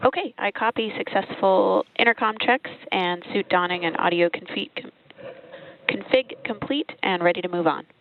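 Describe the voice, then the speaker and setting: A woman's voice: medium pitch, moderate pace. A woman giving clipped, formal procedural read-backs over a helmet radio intercom. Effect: radio intercom, like a helmet comm. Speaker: radio operator confirming spacecraft procedures. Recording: phone-like radio link, noisy, with clicks.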